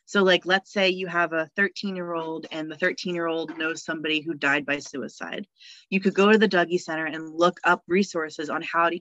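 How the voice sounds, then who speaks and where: A woman's voice: lowish voice, bright, forceful tone, no echo, lo-fi sound. A woman, a death midwife talking in a casual podcast conversation, cheerful and full of fillers. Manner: chatty, cheerful, laughs often, many fillers.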